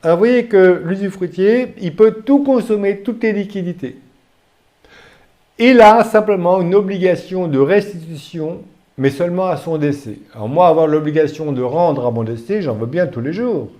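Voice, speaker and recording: A man's voice: high-pitched, normal speed. Joking man lecturing in a studio. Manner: lively, joking, with rhetorical questions. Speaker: law lecturer. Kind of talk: recorded lecture to students. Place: recording studio.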